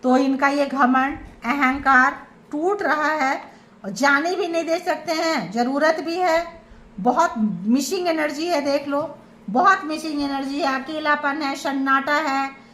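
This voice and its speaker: A woman's voice: sits high, steady tone, unhurried, a bit bright. A woman giving a tarot reading to her viewers. She talks with emphasis and lists feelings in short repeated phrases. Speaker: tarot reader.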